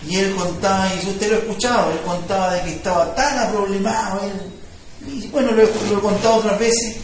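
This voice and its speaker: A man gives a sermon in a strikingly high voice, folksy and direct, repeatedly checking that his flock follows. He sounds set back from the microphone. The sound rings around a heavily echoing church room. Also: steady tone, moderate pace, slight background noise. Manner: conversational preaching with rising fervor, frequent "¿me entiende?". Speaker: pastor. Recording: echoey room, voice from far off mic.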